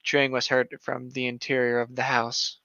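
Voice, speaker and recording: A man co-hosting a podcast reads an internet horror story aloud and mocks it with casual, playful banter. His mid-range voice is gravelly and sharp, completely flat in delivery at a moderate pace, with no room sound, recorded on a slightly dull home microphone.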